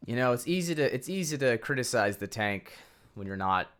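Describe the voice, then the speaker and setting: A man's voice: medium pitch, expressive, brisk, a bit bright. A man giving playful, joking color commentary on a card game match.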